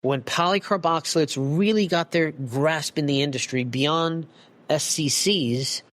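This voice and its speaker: A passionate man holding forth as a podcast guest, his voice sitting a little high for a man. He talks emphatically and with heat, throwing in a swear word here and there. He is heard over a video call. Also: fairly bright tone. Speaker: guest expert.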